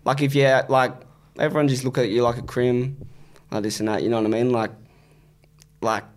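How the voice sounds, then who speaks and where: Casting: Australian male rapper type for an interview, mid-pitched voice, blunt casual storytelling full of street slang and swearing. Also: brisk. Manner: blunt, animated storytelling with repeated "bro" and "like".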